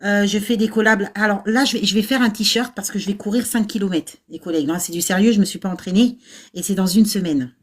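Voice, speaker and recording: A woman's voice: mid-range voice, quick pace. A middle-aged woman hosting a casual livestream from an old house, chatty and self-mocking, laughing often and filling with hesitations. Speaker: nursing-assistant VAE coach and livestream host. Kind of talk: casual livestream chat with viewers. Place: old house without air conditioning.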